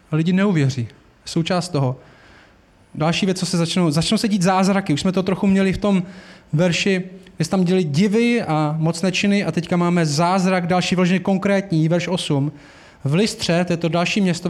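A man's voice: high-pitched, darkish tone. A man preaching a sermon in an earnest, conversational way, asking the congregation rhetorical questions.

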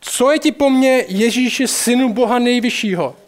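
A man's voice: very high-pitched, pitched above the performer's own voice. A man doing a frightened demon begging. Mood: pleading. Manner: pleading, loud.

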